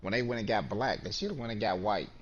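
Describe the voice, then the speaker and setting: A man talking casually as a guest on a sports chat, relaxed and often repeating his words as he restarts. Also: lowish voice, fast talker, a crowd in the background. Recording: dull lo-fi line with faint noise.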